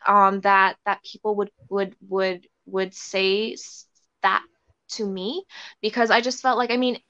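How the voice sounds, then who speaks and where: A young woman raised in Canada, whose first language is Thai, tells a story as an interview guest, rambling with plenty of "like," "um," and restarts. Her mid-range voice barely shifts in pitch, moves a little slowly, and sounds sharp yet clean, with no echo but somewhat dull audio.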